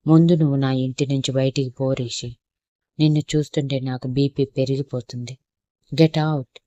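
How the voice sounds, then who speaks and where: A woman reading the lines of a young mother who speaks in a sharp, scolding way. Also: rumbling low, steady tone, normal speed, no room sound, lo-fi sound. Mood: angry.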